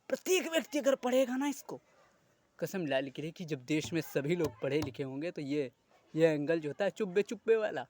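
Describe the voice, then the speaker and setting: Male vlogger, high voice, heated indignant rant with crude language and rhetorical questions. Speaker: video creator. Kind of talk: ranting monologue to camera.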